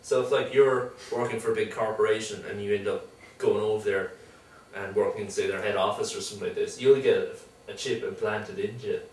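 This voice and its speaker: A man co-hosting a joking tech news chat, animated and slipping into mock voices. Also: lowish voice, a little fast. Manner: animated, mimics voices in asides. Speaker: co-host. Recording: roomy, distant mic, faint hiss.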